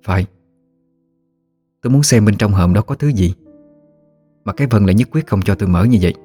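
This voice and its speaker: A man's voice: fairly low pitch, a little fast, mellow, faint music behind, lightly acted. A man voicing a blunt, suspicious older relative in a plain tone. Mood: determined.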